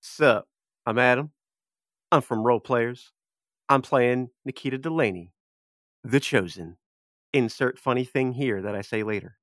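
A man's voice: mid-range voice, unhurried, pauses often, a bit bright, dry recording, clean studio sound. A man playing a tabletop role-play game, joking and giggly as he describes his character. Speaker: player. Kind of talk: casual chat and in-character description.

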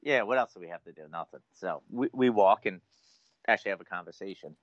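A man co-hosting a podcast, chatting casually in an animated, filler-heavy, self-deprecating way. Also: low voice, fast, dry recording. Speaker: podcast co-host. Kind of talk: casual chat. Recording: dull dry lo-fi audio.

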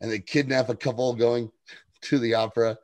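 A man's voice: medium pitch, steady tone, fairly quick, a little mellow, no echo. Rambling, profane male podcast host. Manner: rambling, profane, laughing asides. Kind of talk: casual TV recap chat.

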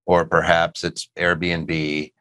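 Very deep-voiced joking male host. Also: flat delivery, extremely slow, fairly bright tone, dry recording. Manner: joking, rambling, dad-humor asides. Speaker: tax show host. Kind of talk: casual tax Q&A chat.

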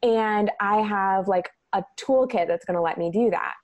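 A woman guest in a podcast interview, telling stories in an animated way, laughing easily and saying "like" often. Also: mid-range voice, moderate pace, dry recording. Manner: animated storyteller, laughs easily, says "like" a lot. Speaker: guest, messaging strategist. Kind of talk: casual interview chat.

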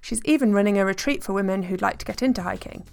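A woman hosts a travel podcast, reading a scripted welcome before interviewing her guest with short, friendly questions. She talks fast at a medium pitch, with a creaky voice and darkish tone.

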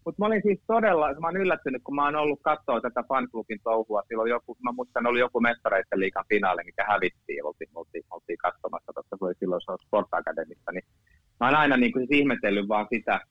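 A man's voice: medium pitch, lively intonation, no room sound. A man in his fifties telling stories as a guest in casual chat, rambling, repeating words and swearing casually. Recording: dull lo-fi sound.

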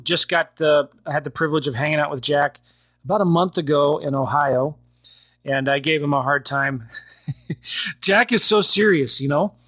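Chatty podcast host guy, kinda husky, higher voice, dry close sound. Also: a bit bright, dry recording. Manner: chatty, upbeat, laughs while talking. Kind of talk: casual podcast interview.

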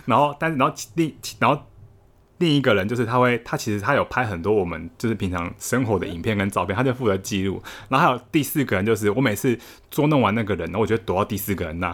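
A young man with a Taiwanese Mandarin accent, telling funny stories in casual chat, animated and laughing, restarting his sentences often. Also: fairly low pitch, fast talker. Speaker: guest storyteller.

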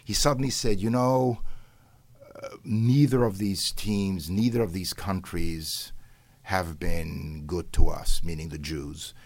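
There is no room sound as a low, steady, slightly mellow voice unfolds at a slow pace. It belongs to an elderly professor whose mother tongue is Hungarian, telling meandering interview stories peppered with fillers and false starts, with sporadic flashes of liveliness.

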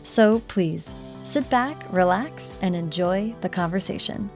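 A woman's voice: medium pitch, expressive, measured pace, a little mellow, faint music behind. Upbeat woman podcast host. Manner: upbeat, friendly, laughs along. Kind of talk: podcast intro and interview.

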